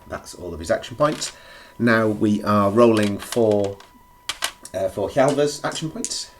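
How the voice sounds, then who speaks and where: A man with a croaky, under-the-weather voice thinks aloud in casual play-by-play as he plays a board game alone. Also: fairly low pitch, a little slow. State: feeling rough, under the weather. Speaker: solo board game player presenting a run-through. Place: indoors at a gaming table. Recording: clear background noise, clicks.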